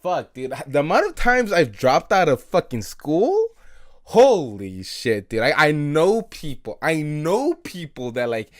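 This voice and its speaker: A man's voice: a little high, huge pitch swings, measured pace. A man in his early twenties hosting an unscripted late-night solo podcast, rambling, self-critical and swearing, with many fillers and laughs. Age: 20s. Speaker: podcast host.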